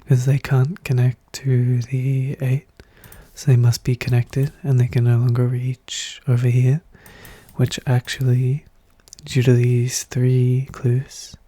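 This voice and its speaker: Soft-spoken ASMR puzzle narrator: hushed, breathy half-whisper, flat unhurried delivery, calm and methodical, close dry sound. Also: mid-range voice, no echo. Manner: calm, methodical, thinking aloud. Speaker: puzzle solver narrating own play.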